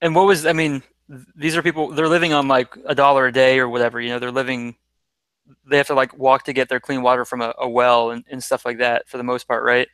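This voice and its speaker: Bright, crisp-voiced man hosting an interview. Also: mid-range voice, flat delivery, quick pace, no echo. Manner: friendly, rambling questions with restarts. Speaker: interview host, former teacher. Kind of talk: casual video-call interview.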